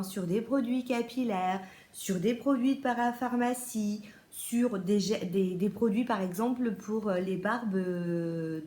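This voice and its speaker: A woman's voice: medium pitch, a little mellow, reverberant. A French-accented woman chatting casually through a beauty haul as a vlogger, with many fillers and restarts.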